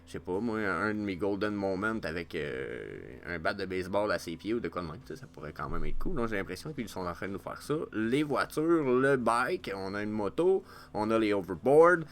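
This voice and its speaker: A man with a Quebec French accent giving casual market commentary as a vlogger, excitable and swearing freely with many fillers. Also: fairly low pitch, moderate pace, few pauses, a little hiss or hum.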